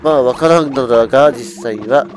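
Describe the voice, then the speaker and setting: A man hosting a let's-play, commenting excitedly and talking to himself as he plays. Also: medium pitch, moderate pace. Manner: excitable, talks to himself while playing. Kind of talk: game commentary. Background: loud game music.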